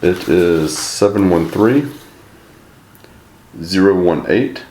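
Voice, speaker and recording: Deep voiced guy calling customer service, casual, kinda hesitant, echoey with background noise. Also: animated, slow pace, a little mellow. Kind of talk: casual phone inquiry.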